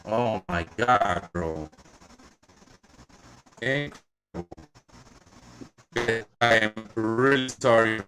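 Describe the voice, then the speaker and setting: A man's voice: fairly low pitch, expressive, slow, long pauses, fairly bright tone. Frustrated man on a faintly noisy stream line. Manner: frustrated, swears and apologizes. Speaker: co-host of a live sports talk stream. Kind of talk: casual live-stream chat.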